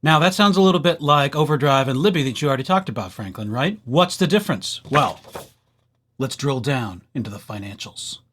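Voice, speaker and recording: At medium pitch, animated and a little quick, he runs through a lighthearted library tutorial read from a script. Addressing viewers head-on, he jokes around and stages brief make-believe exchanges.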